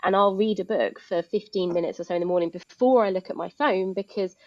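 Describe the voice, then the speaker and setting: A woman's voice: mid-range voice, steady tone, brisk, a little mellow, no room sound, lo-fi sound. A woman speaking as a guest in a live online talk, chatty and explanatory with many fillers. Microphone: video call.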